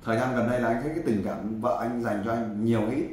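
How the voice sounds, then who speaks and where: A man's voice: medium pitch, fairly even intonation, quick pace, a little mellow. A man giving blunt, lecturing advice and cutting in often. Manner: blunt, lecturing, talks over the other man. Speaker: volunteer advisor helping a man find his wife. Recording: echoey room with faint background noise.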